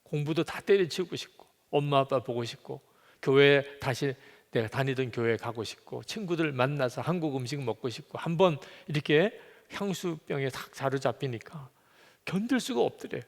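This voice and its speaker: A man who is a pastor, preaching a sermon in earnest tones and rising suddenly into loud, emphatic bursts. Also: medium pitch, moderate pace. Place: church sanctuary. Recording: long reverb of a church sanctuary.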